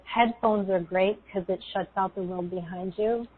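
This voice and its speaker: A woman speaking in a soothing, unhurried way with pauses between phrases, as if leading a guided meditation. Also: mid-range voice, steady tone, slight background noise. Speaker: guest energy healer leading a guided meditation. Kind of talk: guided meditation and spiritual talk. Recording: tinny, phone-like call audio.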